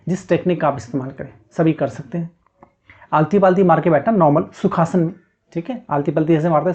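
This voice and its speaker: A man's voice: fairly high pitch, darkish tone. Man teaching meditation, lo-fi sound. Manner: repetitive, coaxing, frequent "theek hai" check-ins. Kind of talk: guided meditation instruction. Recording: dull lo-fi sound.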